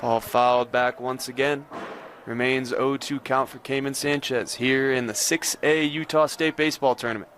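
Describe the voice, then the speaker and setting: A man's voice: medium pitch, fairly even intonation, normal speed, a bit bright, a little hiss or hum. A man giving live play-by-play baseball commentary as a sports announcer.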